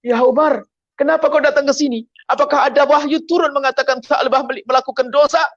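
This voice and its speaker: A man's voice: high voice, animated, brisk, creaky, dry recording, lo-fi sound, pitched above the performer's own voice, full character voice. A man doing a frightened teenage boy. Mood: anxious. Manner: anxious, pressing questions.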